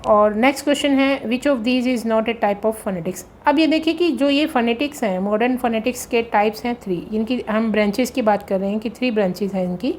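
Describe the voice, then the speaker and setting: A woman's voice: on the high side, moderate pace, hardly any pauses, darkish tone. A woman teacher works through exam questions at a patient pace, repeating key points and reading out the terms. There is a faint hum under the recording. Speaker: English grammar teacher. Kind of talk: exam-prep lesson explaining questions.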